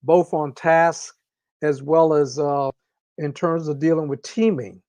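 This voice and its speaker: A man speaking as an interview guest, explaining ideas in a measured, deliberate way with long pauses. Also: on the high side, steady tone, darkish tone, no room sound. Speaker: interview guest, organizational consultant. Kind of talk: reflective conversational explanation.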